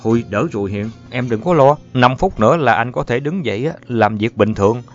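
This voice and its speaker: A man voicing a feverish young man who quietly reassures his worried lover. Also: mid-range voice, brisk, close to an everyday voice. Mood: reassuring. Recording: dull lo-fi audio, faint music.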